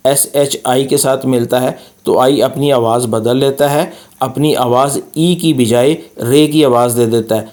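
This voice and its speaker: A man teaches pronunciation over slides, slowly repeating sounds for practice. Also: mid-range voice, a little mellow. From Pakistan. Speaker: language teacher. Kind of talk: slide-based pronunciation lesson.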